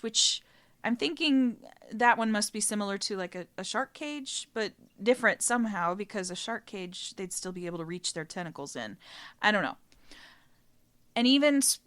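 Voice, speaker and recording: A woman's voice: on the high side, a bit bright. A woman hosting a podcast, telling a story in a chatty, casual way with laughing asides. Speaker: podcast host.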